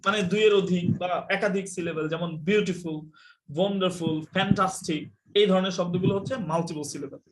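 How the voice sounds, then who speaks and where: Fast-talking high-voiced male teacher. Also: steady tone. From Bangladesh. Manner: quick, explanatory, scolds students about mics. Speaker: online English teacher. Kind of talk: live online class lecture.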